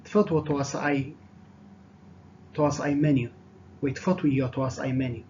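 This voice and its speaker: A man whose first language is Tigrinya, with a slightly high voice, teaching a phrase lesson. He says each line twice, slow and distinct, then rattles off the translation more quietly. The recording is dull and lo-fi with a faint hiss behind him.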